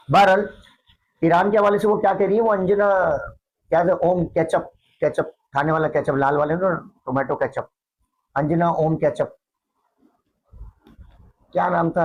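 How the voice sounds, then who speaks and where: A man's voice: a little high, a little mellow, poor audio. A middle-aged man delivering a sarcastic, taunting political monologue straight to his viewers. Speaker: political commentator. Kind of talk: mocking monologue to camera.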